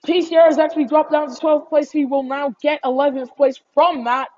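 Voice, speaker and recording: A high-voiced woman works as a motorsport commentator, calling a race live. Her delivery follows the action and lifts with it. The sound is dull and slightly lo-fi. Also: fairly even intonation, brisk, a little mellow, dry recording. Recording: dull lo-fi microphone.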